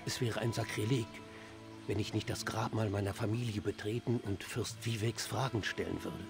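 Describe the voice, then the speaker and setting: A man playing an anxious, devout dark-elf priest in a fantasy game, speaking formally and earnestly. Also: lowish voice, fairly even intonation, moderate pace, gravelly, soft background music. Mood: hopeful, pleading. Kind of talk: fantasy game dialogue acting.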